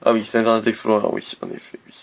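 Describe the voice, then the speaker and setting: A man's voice: lowish voice, monotone, racing, gravelly. A man casually reviewing a laptop on camera, hesitant, with many fillers and restarts. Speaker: tech reviewer.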